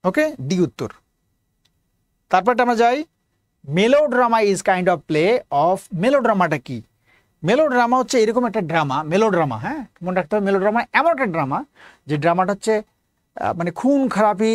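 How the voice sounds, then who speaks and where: A man's voice: high-pitched, lively intonation, normal speed, no echo, clean studio sound. A man teaching exam prep, asking questions and answering them himself, repeating the key answers. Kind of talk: lecture mixing Bengali and English.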